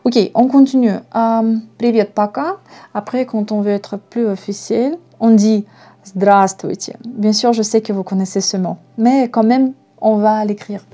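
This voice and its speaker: A woman's voice: a little high, fairly even intonation, measured pace, dark tone. A woman with a Russian accent teaching a language lesson, patiently spelling words out letter by letter. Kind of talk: slow online language lesson.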